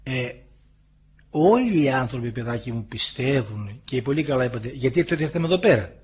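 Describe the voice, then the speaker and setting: A man's voice: mid-range voice, lively intonation, a little mellow, slightly rough. A man from Greece giving a sermon to listeners, talking in a homely, storytelling way and acting out quoted voices. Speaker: preacher.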